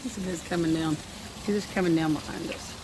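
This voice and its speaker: A woman vlogging casually outdoors, pointing out the weather around her in a relaxed, chatty way. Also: low voice, brisk. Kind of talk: casual narration while filming. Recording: loud wind noise on the mic.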